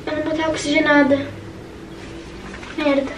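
Teen girl vlogger, high voice, jittery and chatty. Echoey bedroom with household noise behind her. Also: little pitch movement, normal speed, far from the mic. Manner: nervous, chatty, says "gente" constantly. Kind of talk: casual vlog chat. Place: bedroom at home. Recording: echoey room with background noise.

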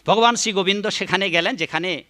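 Male preacher, high bright voice, devotional sermon that breaks into chanting. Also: quick pace.

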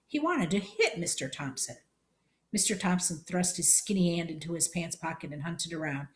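Woman, storybook reading aloud, steady narration, lowish pitch. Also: normal speed.

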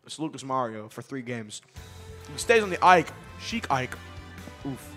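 A man doing excited live esports commentary, swearing freely and breaking into loud outbursts at big plays. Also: medium pitch, unhurried, faint music behind.

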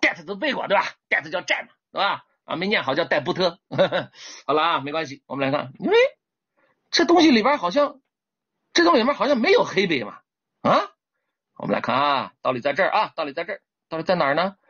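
A man teaching English vocabulary in a livestream lesson, animated, often asking viewers to type one to show they understand. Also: a little fast, slightly rough. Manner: lively with sudden high exclamations. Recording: dull lo-fi stream audio.

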